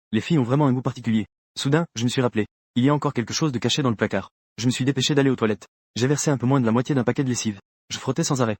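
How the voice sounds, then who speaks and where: Fast, dry male story narrator. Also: mid-range voice, darkish tone, no room sound. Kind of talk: first-person story narration for a comic dub.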